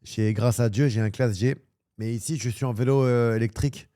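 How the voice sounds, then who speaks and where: A man talking casually as a streamer, rambling, joking and swearing crudely as he gets animated. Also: mid-range voice, normal speed. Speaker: streamer and football pundit. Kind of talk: casual livestream chat.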